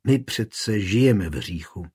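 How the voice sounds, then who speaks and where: A man's voice: lowish voice, animated, a little mellow, slightly rough. A man voicing an anxious, devout young village woman who pleads in a raised, fretful voice. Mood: hesitant.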